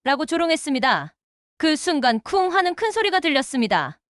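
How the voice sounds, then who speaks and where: A woman narrating a dramatic family story in a steady scripted storytelling voice, reading every part herself. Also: sits high, brisk, no room sound, clean studio sound. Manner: reads all parts in one steady voice.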